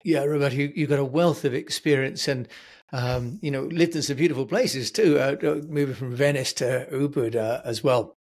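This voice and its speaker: Speaking through a headset with a boom mic, a podcast host in his sixties interviews someone over video call from his home office. His mid-range voice has a darkish tone and moves at normal speed, and his friendly manner leans on stretched key words for emphasis.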